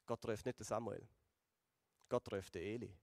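A man with a Swiss German accent preaching a sermon and retelling a Bible story, slowing and going softer for emphasis. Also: on the low side, fairly even intonation, vocal fry, no echo, clean studio sound, big-room sound. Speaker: pastor.

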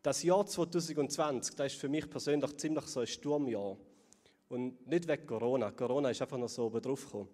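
A man preaching a sermon to a congregation and viewers at home, earnest, often sinking to soft, low tones on key words. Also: fairly quick. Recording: long hall reverb.

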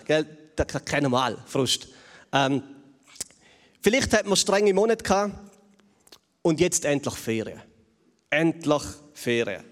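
Man, Swiss German accent, sermon, conversational preacher, slightly high voice, long hall reverb. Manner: conversational, with frequent tag questions.

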